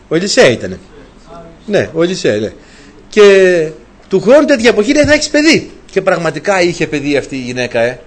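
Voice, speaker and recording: A man preaching a sermon, retelling a story animatedly and asking his listeners rhetorical questions. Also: a little high.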